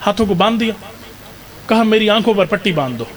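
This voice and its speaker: A man delivers a mourning sermon in a high voice. He tells the story with strong emotion and breaks into impassioned, rising cries when he voices the figures. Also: expressive. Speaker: Shia preacher. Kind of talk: Muharram majlis sermon, dramatic storytelling. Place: mosque hall during a religious gathering.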